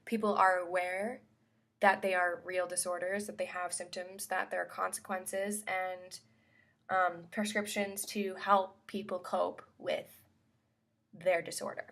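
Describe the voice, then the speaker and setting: A woman's voice: on the low side, flat delivery, measured pace, gravelly, a bit bright. A woman hosting a talk segment, delivering a scripted opinion monologue with emphatic, formally argued phrasing.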